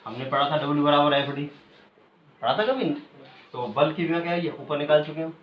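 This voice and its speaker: A male teacher giving a classroom lecture who keeps asking questions and pauses for students to call out the answers, then repeats the key terms slowly. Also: fairly high pitch. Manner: quizzes students, pausing for them to finish answers. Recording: echoey room, muffled, faint hiss.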